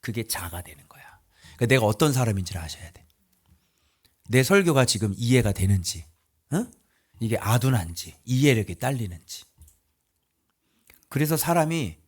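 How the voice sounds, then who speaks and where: Emphatic, lively male pastor preaching. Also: slightly rough. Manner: emphatic, colloquial, asks listeners rhetorical questions; swings from loud outbursts to low mutters. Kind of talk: sermon.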